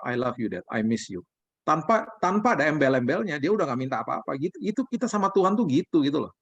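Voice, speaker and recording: Pastor, male, brisk conversational sermon, muffled call audio. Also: a little high, dry recording. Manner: relaxed, conversational preaching with acted quotes. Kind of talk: sermon-style sharing over video call. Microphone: video call. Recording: dull lo-fi video call audio.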